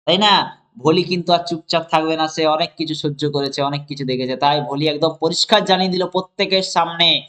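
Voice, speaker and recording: A man's voice: on the high side, fairly bright tone. A man teaching English. He explains a story line by line to his students and keeps asking rhetorical check-in questions. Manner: reads English lines slowly, then explains them.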